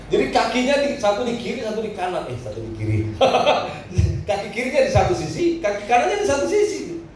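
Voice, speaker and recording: A man's voice: sits high, very animated, moderate pace, a little hiss or hum. A man preaching a sermon to a congregation, telling a personal story and laughing between phrases. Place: church hall. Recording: echoey hall, voice from a distance.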